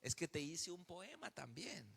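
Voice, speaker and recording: A man voicing an excited young boy who pleads with his father and gushes over him to dodge a chore. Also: measured pace, creaky, breathy edge, full character voice. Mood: pleading. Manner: gushing, pleading, high and breathless. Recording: reverberant hall.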